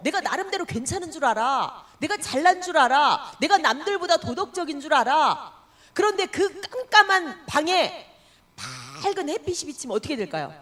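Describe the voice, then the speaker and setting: Animated high-voiced woman preaching. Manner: animated storytelling, dropping to hushed asides; asks the congregation rhetorical questions. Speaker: pastor. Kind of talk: sermon.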